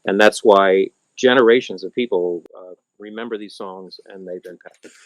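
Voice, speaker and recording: Animated male musician telling stories. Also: moderate pace, no room sound, lo-fi sound. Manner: animated, acts out voices in high squeals. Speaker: musician guest. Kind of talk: casual storytelling interview. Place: outdoors on a small farm.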